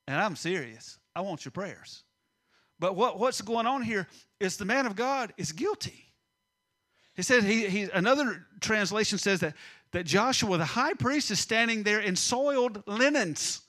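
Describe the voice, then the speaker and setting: A man's voice: sits high, expressive, a little slow. Dynamic middle-aged preacher, man. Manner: dynamic, swings from loud to hushed. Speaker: pastor. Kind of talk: sermon.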